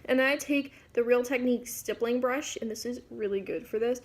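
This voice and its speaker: A woman's voice: a little high, a little fast. A woman giving a casual, chatty makeup tutorial, informal and rambling, often interrupting herself with asides. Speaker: beauty vlogger.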